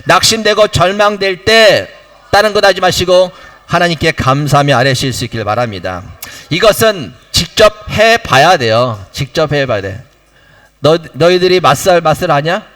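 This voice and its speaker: A man's voice: a little high, expressive, moderate pace, bright, forceful tone. A middle-aged man, the pastor, preaching to his church, repeating key phrases for emphasis and putting questions to the congregation. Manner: acts out short dialogues in his own voice. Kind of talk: sermon. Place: church sanctuary.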